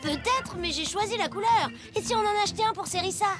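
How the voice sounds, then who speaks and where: A woman voicing an anxious, bossy young child in an animated series, fussy and hesitant but pleased with their own advice. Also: very high-pitched, fast, over loud music. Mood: smug, advising. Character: anxious, bossy, boastful young child, cautious best friend.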